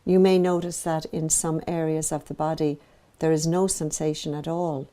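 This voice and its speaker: A woman guides a meditation as teacher, her soft, very mellow voice slightly low for a woman and her delivery flat. She speaks gently at an even measure, pausing soothingly between phrases.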